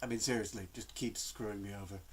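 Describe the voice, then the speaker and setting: A man's voice: fairly low pitch, steady tone, fast talker, a little hiss or hum. A man with a cold, chatting casually to camera as a gaming vlogger in a rambling, exasperated way. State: has a cold, coughing. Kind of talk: casual vlog chat to camera.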